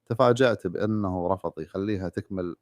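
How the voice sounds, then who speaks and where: A man narrating a sad story in a rapid, even reading. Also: sits low, dry recording, clean studio sound.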